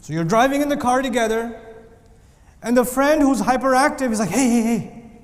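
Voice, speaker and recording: A man giving a lively Islamic lesson, telling stories with acted-out voices, recorded in a reverberant lecture hall. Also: very high voice, fairly quick. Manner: animated storytelling with voices and jokes. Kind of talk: lively religious talk. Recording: reverberant hall with faint noise.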